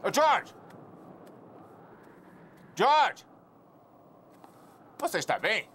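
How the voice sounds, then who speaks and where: A man's voice: high voice, very animated, very slow, fairly bright tone, breathy edge, heavily acted. A man dubbing a film role, playing a friendly townsman who sounds concerned. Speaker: dubbed film actor.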